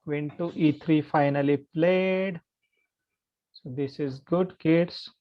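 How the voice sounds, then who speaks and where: A man, coaching kids at chess and thinking out loud patiently, asking "okay?" as he goes. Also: on the high side, fairly even intonation, slow, muffled recording. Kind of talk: online chess lesson to kids.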